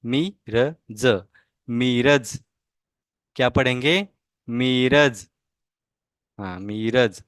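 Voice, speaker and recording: A man with a Marathi accent leads a language lesson, dragging out each word at a very slow, patient crawl and saying it several times over. His voice sits at a middle pitch. It sounds dry and close, with no room echo at all. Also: a bit bright. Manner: slow, drawn-out repetition of each word for students to copy. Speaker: language teacher. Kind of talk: online language lesson, reading words aloud.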